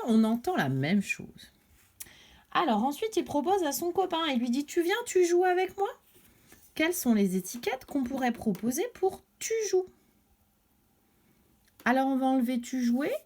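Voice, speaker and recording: A woman teaching a recorded lesson to young children, explaining clearly and patiently step by step. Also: fairly high pitch, darkish tone. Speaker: primary school teacher.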